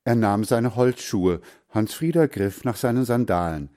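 Slow, mellow man reading a storybook. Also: on the low side, lively intonation. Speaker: narrator.

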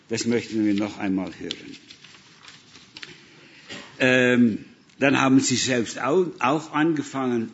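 Here a man from the Netherlands delivers a German-language sermon, his Dutch accent audible as he tells missionary stories and acts out the conversations. The voice is mid-range and gravelly; the audio comes across dull.

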